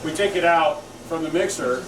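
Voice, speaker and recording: A man working as a chef gives an informal live cooking demonstration, explaining each step in a folksy, rambling, halting way. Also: fairly high pitch. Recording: echoey, noisy room, distant mic.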